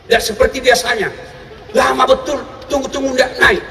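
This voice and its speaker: A man preaching a humorous sermon to a crowd, telling stories with shouted punchlines and frequent laughter. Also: very high voice, steady tone, a little fast. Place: large hall with an audience. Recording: echoey hall, voice from far off, crowd noise.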